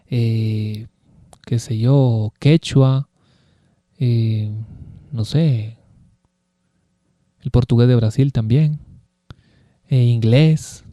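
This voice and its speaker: A man's voice: mid-range voice, dark tone, dry recording, studio quality. A man giving a Bible teaching sermon, emphatic and full of rhetorical questions. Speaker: preacher.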